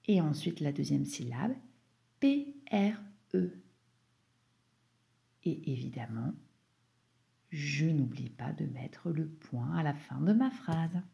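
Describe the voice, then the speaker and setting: Slow, patient French schoolteacher woman. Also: low voice, animated, gravelly, mellow. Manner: slow, patient, spells out letters one by one. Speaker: primary school teacher. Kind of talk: dictation correction lesson for young pupils.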